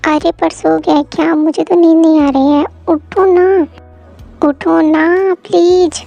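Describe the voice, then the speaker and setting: A woman's voice: extremely high pitch, fairly even intonation, slow pace, creaky, mellow, lo-fi sound, soft background music, full character voice. A woman voicing a playful, clingy young newlywed wife who pleads and teases in a fan audio drama. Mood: whiny teasing. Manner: whiny, pleading, teasing.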